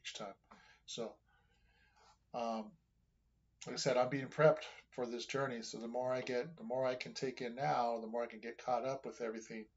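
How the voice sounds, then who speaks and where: Gravelly, husky man reacting to music. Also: mid-range voice, fairly even intonation, normal speed, highs cut off. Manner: enthusiastic, rambling, talks to viewers. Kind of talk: casual reaction commentary.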